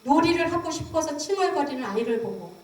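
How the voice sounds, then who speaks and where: A woman's voice: sits high, fast. A middle-aged woman, a professor, giving a lecture and acting out how mothers talk to their babies. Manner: acts out mothers' words to babies in a lively voice. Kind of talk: seminary public lecture. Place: lecture hall. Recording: echoey hall, mic at a distance.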